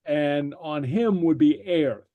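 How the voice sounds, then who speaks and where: Slow, patient man teaching a class. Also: a little high, no room sound, phone-quality sound. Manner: patient, repeats "okay?" after each point, many fillers. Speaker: language teacher. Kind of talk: slow explanatory class lecture.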